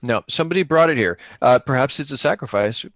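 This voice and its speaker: With a medium-pitched, animated voice at a quick pace, a little bright and free of room sound, a man hosts an improvised solo-engine tabletop RPG he plays himself. He thinks aloud casually, asking questions and supplying the answers.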